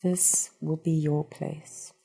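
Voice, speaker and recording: A meditation guide with a low, husky voice narrates a guided meditation, giving instructions in a calm, soothing and unhurried way.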